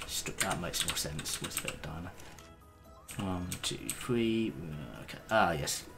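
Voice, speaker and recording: A man's voice: low voice, animated, a little slow, over loud music. A man streaming a game, chatting casually with hesitant, rambling talk and the odd swear. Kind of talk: casual gaming stream chat.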